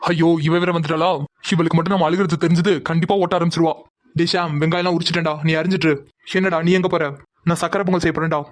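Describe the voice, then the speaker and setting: A man's voice: fairly high pitch, level tone, very fast, lightly acted. A man doing whiny bantering cartoon young men. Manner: joking, whiny complaints.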